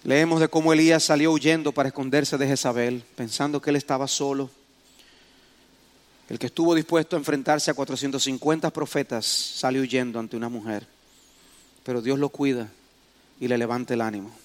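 A man preaching a sermon to his congregation, asking them questions and rising to loud, dramatic exclamations. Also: medium pitch, fairly even intonation, brisk.

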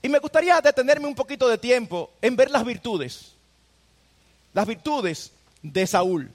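A man's voice: very high-pitched, lively intonation, measured pace. A pastor preaching a sermon in an earnest way, asking his listeners rhetorical questions directly. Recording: long hall reverb.

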